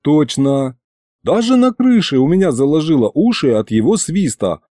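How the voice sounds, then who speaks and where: A man narrating a first-person audiobook, fairly high for a man and very animated in his melody. His tone is warm and mellow, recorded close and dry. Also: moderate pace, no echo. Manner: lively, expressive reading.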